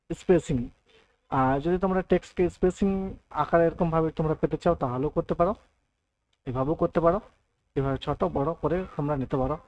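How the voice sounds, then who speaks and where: Fast-talking man teaching software, lo-fi sound. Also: a little high. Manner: explains step by step, often adds "thik ache" and "right". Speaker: computer tutor. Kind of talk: screen-recorded software tutorial.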